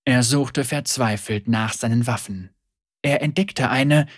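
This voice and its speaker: A man narrating a German adventure story in an expressive, dramatic way. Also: mid-range voice, no room sound, clean studio sound. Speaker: audiobook narrator. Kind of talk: scripted narration.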